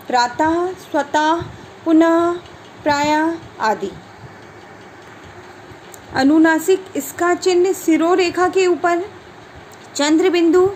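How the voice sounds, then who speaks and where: A woman teaching a grammar lesson in a high voice. She speaks slowly and clearly, reading out examples one at a time. A faint hiss of noise sits under the recording. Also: rough recording. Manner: slow, clear explanation with listed examples.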